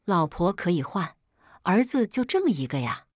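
A woman's voice: on the low side, very animated, normal speed, dry recording, studio quality. A woman voicing a defiant, scheming young woman who argues shrilly, in a storybook reading. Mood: shrill. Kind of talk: storybook narration.

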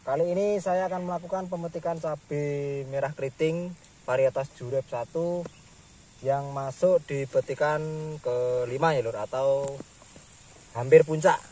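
A man's voice: on the high side, fairly even intonation, measured pace, dark tone. A man, a chili farmer giving a casual tutorial vlog outdoors in his field and chatting to viewers with a friendly filler word. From Central Java, Indonesia. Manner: chatty, addresses viewers as "Lur" often.

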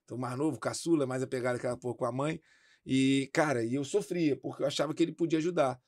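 Fast-talking man. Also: mid-range voice, steady tone, darkish tone, no room sound, clean studio sound. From Brazil. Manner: fast, slangy and candid, with frequent swearing. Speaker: interview guest, former footballer. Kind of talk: casual interview chat.

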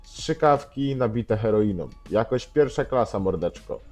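A man reading out the lines of his own street drug dealer character in a role-play game, smooth-talking and full of slang. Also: lowish voice, expressive, unhurried, darkish tone. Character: cocky young male street drug dealer. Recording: faint music underneath.

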